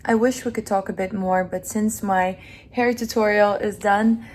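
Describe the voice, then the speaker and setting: Mellow-voiced woman chatting in an echoey room. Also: medium pitch, steady tone, moderate pace, slight background noise. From Kazakhstan. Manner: chatty and open, talking while she works. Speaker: beauty vlogger. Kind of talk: casual chat during a hair tutorial. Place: home room, in Hong Kong. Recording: echoey room with faint ambience.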